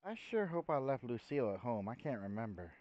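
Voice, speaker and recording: A man's voice: medium pitch, sing-song, a little fast, darkish tone. A man in a roleplay game making wisecracking, jokey asides, heard through a dull, lo-fi microphone. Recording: dull dry lo-fi mic.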